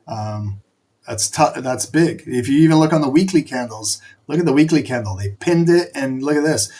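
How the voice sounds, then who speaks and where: This man's voice sits on the high side and sounds a little mellow. He's losing his voice while hosting a live trading stream, coaching viewers in short, repeated bursts as he points at a chart.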